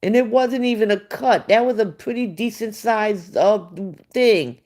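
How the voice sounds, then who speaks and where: A woman's voice: on the high side, a little slow, a little mellow. A woman hosting a livestream, giving casual gossip commentary in a blunt, profane way and talking back to her viewers. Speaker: livestream host.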